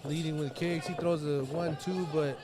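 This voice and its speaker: A man's voice: fairly high pitch, fairly even intonation, normal speed. A man giving live commentary on combat sports as a fight commentator. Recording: live event with crowd behind. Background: crowd noise.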